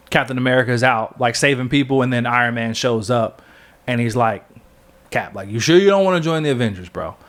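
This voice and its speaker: A man's voice: mid-range voice, fairly bright tone. A man with a mid-range voice talks through a comic plot in a loose, casual podcast chat. He rambles, leans on fillers and keeps backtracking to fix details. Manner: rambling, filler-heavy, self-correcting storytelling. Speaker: podcast co-host.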